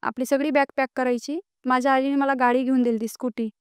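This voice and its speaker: Young woman, high voice, earnest guest recounting hardship, indignant at times, dry mic. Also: level tone, fast, smooth, no echo. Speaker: podcast guest. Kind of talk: emotional personal storytelling.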